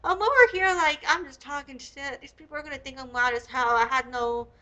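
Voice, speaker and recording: A woman with a high-pitched, sharp voice, speaking a little fast, hosts a reading of a historical text, reading it aloud and critiquing it bluntly, casually and with strong opinions.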